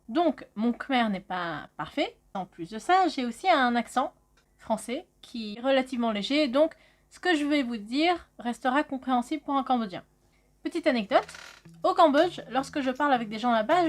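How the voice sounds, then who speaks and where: High-voiced chatty French-born woman teacher. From France. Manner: chatty, swears, jokes with friend. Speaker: video host teaching Khmer. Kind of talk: casual educational vlog.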